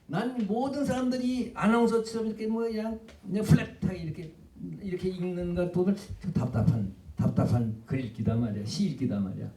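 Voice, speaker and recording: A man's voice: high voice, recorded from a distance. Older man lecturing animatedly in an echoey hall. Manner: animated, emphatic, speaks to the audience directly. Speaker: professor giving a public lecture. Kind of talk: literature lecture.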